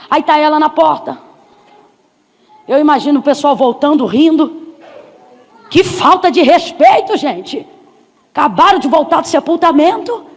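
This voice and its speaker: Brazilian woman preaching loud in a hall. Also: sits high. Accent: Brazilian Portuguese. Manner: animated, storytelling with acted-out voices. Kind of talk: sermon. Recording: long hall reverb with faint crowd.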